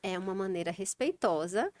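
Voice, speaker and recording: A woman's voice: medium pitch, expressive, normal speed, a little mellow, dry recording. A woman with a Brazilian accent, a child sleep specialist, explaining in a practical way and acting out everyday scenes with children. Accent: Brazilian Portuguese. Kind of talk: casual interview talk.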